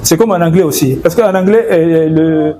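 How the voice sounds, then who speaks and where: A man's voice: fairly high pitch, normal speed, dark tone, slight background noise. A man from Congo explaining in an interview, hesitant and repeating words and fillers. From Democratic Republic of the Congo. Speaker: guest.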